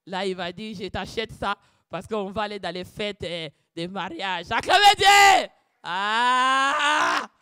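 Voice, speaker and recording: Fervent woman preaching, bright and dry. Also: steady tone, normal speed, clean tone, dry recording. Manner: fervent, breaks into loud shouted praise calls; drops to quiet, low asides between outbursts. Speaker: church speaker giving testimony. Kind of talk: preaching testimony.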